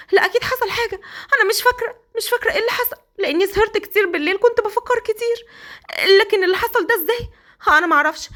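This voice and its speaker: A woman with an Egyptian accent voicing a shy, easily flustered young bride who talks excitably, close to tears, in a storybook romance. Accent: Egyptian Arabic. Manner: high-pitched, excitable, near tears.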